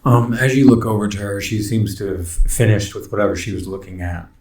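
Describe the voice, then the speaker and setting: A very low-voiced man narrates as game master, describing scenes in loose, casual phrases full of fillers. The sound is roomy and echoey, with the speaker set back from the microphone. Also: fairly quick, darkish tone. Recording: echoey room, distant from mic.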